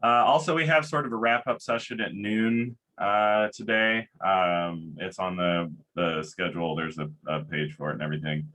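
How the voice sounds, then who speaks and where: A man casually making conference announcements over a video call, relaxed and rambling. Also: low-pitched, normal speed, hardly any pauses. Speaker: conference organizer introducing sessions.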